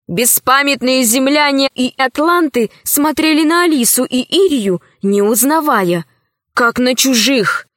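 A woman reading a children's story aloud in a measured, expressive way. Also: on the high side, dry recording, studio quality. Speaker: narrator. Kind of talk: audiobook reading.

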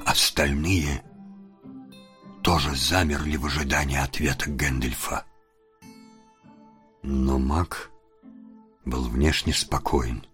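A man narrating a fantasy audiobook in a measured, dramatic way. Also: a bass voice, fairly even intonation, fairly bright tone, soft background music.

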